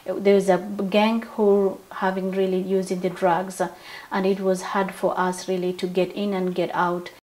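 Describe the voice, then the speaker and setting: A woman's voice: mid-range voice, a little mellow. Hesitant woman from Somalia. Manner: hesitant, halting speech with fillers. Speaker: community resident. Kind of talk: interview.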